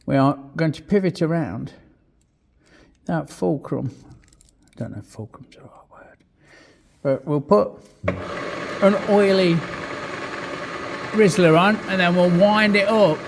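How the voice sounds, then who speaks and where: Gravelly and a little high, this British man's voice carries over a milling machine running loudly in his small home workshop, along with engine noise and clicks. As a vlog host and hobby machinist, he demonstrates hands-on in short, matey bursts, cursing freely as he goes.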